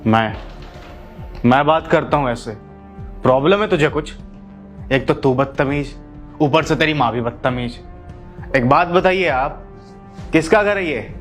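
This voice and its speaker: A man's voice: fairly high pitch, animated, slow, pauses often, faint music behind. An actor playing a defiant, angry husband who taunts and insults his mother-in-law. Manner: taunting, shouting.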